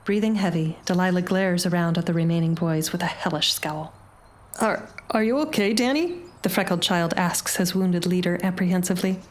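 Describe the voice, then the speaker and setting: Low-voiced woman narrating a story. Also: flat delivery. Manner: measured, dramatic storytelling. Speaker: audiobook narrator. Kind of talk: scripted short-story narration.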